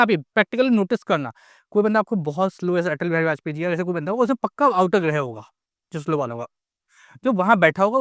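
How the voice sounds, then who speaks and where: A man's voice: sits high, a bit bright, no room sound, studio quality. A young Indian man giving a casual astrology lecture, mixing English into his speech and asking rhetorical questions. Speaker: astrology teacher.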